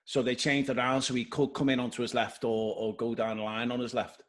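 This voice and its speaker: Guy on a football podcast talking through tactics, mid pitch, chatty and analytical. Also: flat delivery, brisk. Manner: analytical, explains tactics at length. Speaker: podcast co-host. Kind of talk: casual football chat.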